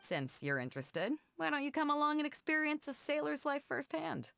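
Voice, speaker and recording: An actress playing a bold, easygoing female ship captain who speaks in a relaxed, commanding way in a video game. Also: sits high, normal speed, gravelly, exaggerated voice. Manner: relaxed, commanding, warm toward her crew. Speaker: fleet captain.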